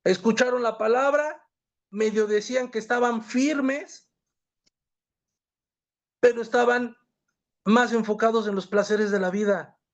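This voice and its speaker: A man with a high-pitched voice leads a church Bible class. He reads scripture aloud in an earnest tone and turns often to his listeners as brothers. The recording sounds dull and lo-fi. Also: fairly even intonation, a little slow, pauses often.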